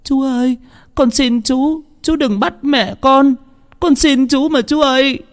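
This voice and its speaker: A man voicing a terrified little village girl, begging in a pleading, sobbing falsetto. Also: steady tone, takes it slowly.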